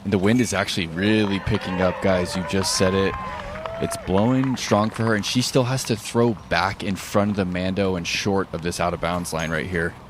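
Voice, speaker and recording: Man, on-course golf commentator. Low register, live outdoor report, noisy wind-swept setting. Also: fairly even intonation, normal speed.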